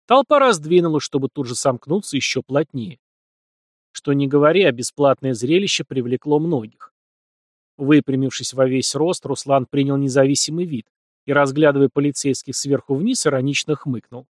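A man narrating an audiobook with a lively, expressive reading. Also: medium pitch, normal speed, no echo, studio quality.

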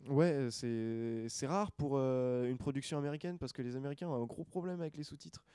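A man with a dark, smooth voice chats casually as a podcast co-host. He talks hesitantly, with many fillers and restarts. The sound is dry and close. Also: medium pitch, a little fast, no room sound. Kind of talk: casual chat. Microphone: desk microphone.

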